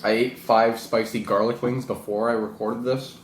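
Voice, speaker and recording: A man's voice: mid-range voice, little pitch movement, normal speed. A man chatting casually and informally to camera as a vlog host, rambling a little and poking fun at himself. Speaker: vlog host and amateur wrestler. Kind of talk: casual chat to camera while eating hot wings. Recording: roomy echo with faint background noise.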